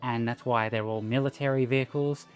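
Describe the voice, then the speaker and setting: Halting, mid-pitched male commentator. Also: steady tone, soft background music. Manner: halting, thinking aloud. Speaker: co-host commenting on a comic. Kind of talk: casual analytical commentary.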